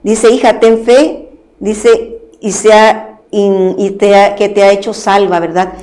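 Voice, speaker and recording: Woman, church preacher, reads scripture, halting restarts, tag question after each phrase. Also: medium pitch, level tone, mellow. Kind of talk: Bible reading and preaching.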